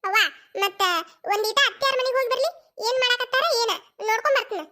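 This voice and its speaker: A woman's voice: extremely high pitch, bright, forceful tone. A woman voicing a chatty, pleading young village daughter in a cartoon, with a North Karnataka Kannada accent. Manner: fast, wheedling, argumentative.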